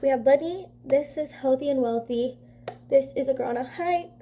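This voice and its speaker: Young woman beauty vlogger, high mellow voice, nasal from a cold, loose rambling chat. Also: moderate pace, a little hiss or hum. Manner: rambling, filler-heavy, says "like" constantly. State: congested from a cold. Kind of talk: casual chatty makeup vlog.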